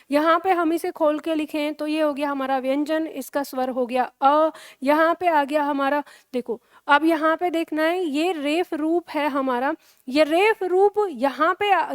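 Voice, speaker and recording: High-voiced woman teaching grammar. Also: no echo, studio quality. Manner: patient, slow and deliberate, often checking in with "ठीक है". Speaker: Hindi teacher. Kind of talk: classroom grammar explanation.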